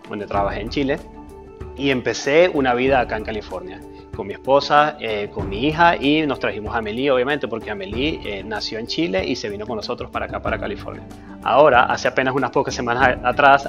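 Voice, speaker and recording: A man, introducing himself to camera in a steady, earnest way with frequent fillers. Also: medium pitch. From Venezuela. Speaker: personal finance YouTuber. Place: dark studio with a screen backdrop.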